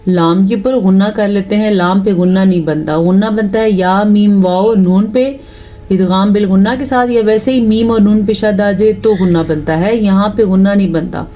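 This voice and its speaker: Mellow-voiced woman teaching Quran recitation. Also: medium pitch, lo-fi sound. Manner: explains rules patiently, then recites slowly and stretched. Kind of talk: tajweed lesson with slow recitation examples.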